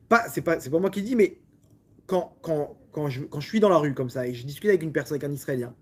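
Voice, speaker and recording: A man from France with a French accent, a rabbi giving a lively Torah lesson full of restarts and direct questions to his listeners. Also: on the high side, a little fast, breathy edge. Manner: repetitive, stumbling restarts, talks directly to listeners.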